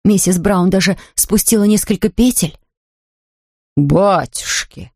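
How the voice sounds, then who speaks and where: Woman narrating a lively storybook. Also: lowish voice, normal speed, no room sound, clean studio sound. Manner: lively and expressive, voices the characters. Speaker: audiobook narrator.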